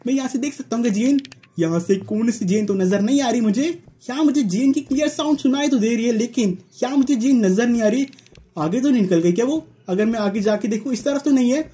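This gaming YouTuber, a young man, speaks at an extremely high pitch with a brisk pace and dark tone. While playing a horror game he keeps up tense commentary, pushing himself on and letting out yelps when caught.

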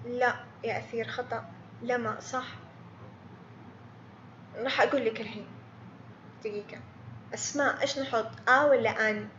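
High-voiced woman teaching English. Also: steady tone, a bit bright, reverberant, highs cut off, slight background noise. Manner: patient, repeats words slowly, quizzes students by name. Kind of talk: online lesson explaining grammar.

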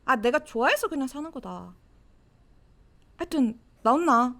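A woman playing a teasing high-school girl friend, whispered role-play. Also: sing-song, moderate pace, heavily acted. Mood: playful. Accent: Gyeongsang Korean dialect. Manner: teasing, blunt, soft whispery delivery. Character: cocky teenage girl classmate, teasing and clingy. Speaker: voice actor.

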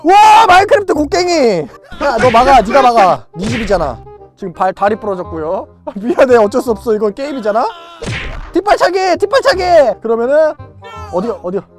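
This VR game YouTuber talks fast in a medium-pitched voice, commenting excitedly and loudly on the gameplay and playfully yelling at characters. Soft background music runs underneath.

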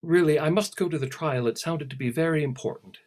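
A man reading aloud and voicing a prim little girl who is easily annoyed, with a slightly husky voice. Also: a little high, fairly quick, a little mellow, pitched above the performer's own voice, natural voice. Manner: indignant, polite but peeved.

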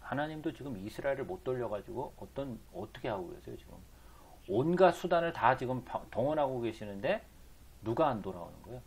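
A man's voice: mid-range voice, very animated, fairly quick, creaky, darkish tone, slight background noise. A man teaching the Bible, reading scripture aloud and then asking rhetorical questions that he answers himself. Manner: reads scripture aloud between explanations.

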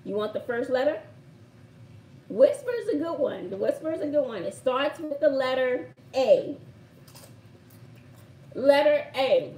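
A woman's voice: sits high, sing-song, measured pace, pauses often, dark tone, far from the mic. A middle-aged woman with a Brooklyn accent hosting a casual live word game, playful and emphatic as she repeats phrases. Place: indoor home room by shuttered window. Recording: roomy echo, faint background noise.

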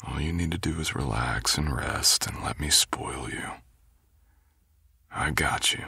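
A man playing a tender, doting boyfriend in a soothing, intimate ASMR role-play, with a breathy, gravelly low voice. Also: animated, a little slow, fairly bright tone, no echo, studio quality, full character voice. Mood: tender, reassuring. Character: tender, doting boyfriend comforting his sick partner. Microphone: close, dry microphone.

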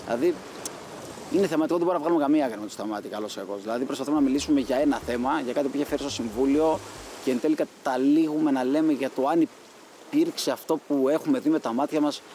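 A young man calmly explaining his view in a reality show confessional, measured and exasperated. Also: medium pitch, slight background noise. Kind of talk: confessional interview.

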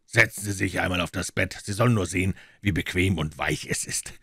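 Man reading a polite creepy kidnapper, low and calm, dry sound. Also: fairly quick, creaky, slightly rough, dry recording, exaggerated voice. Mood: calm menace. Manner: quiet, courteous, coolly threatening. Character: calm polite menacing male captor.

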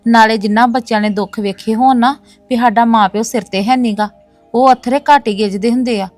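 A woman's voice: fairly high pitch, steady tone, brisk, a little mellow, no echo, soft background music, lightly acted. An actress playing a proud woman who insists on defending her brother and his family in a domestic drama. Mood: insistent. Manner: earnest, insistent, repeating "no, no, sister". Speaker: actress in a web series.

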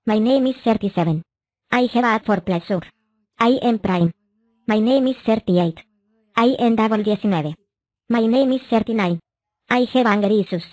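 A young woman voicing characters for a fan cartoon in a bright, playful manner, recorded at home on a webcam. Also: fairly high pitch, moderate pace, pauses often, no echo.

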